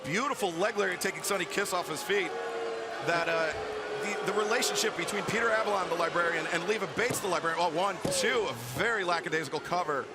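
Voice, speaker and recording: A man's voice: high voice, quick pace. A man doing live play-by-play wrestling commentary, calling moves in clipped phrases and exclaiming at the big moments. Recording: noisy arena, loud crowd behind. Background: loud crowd and arena slams.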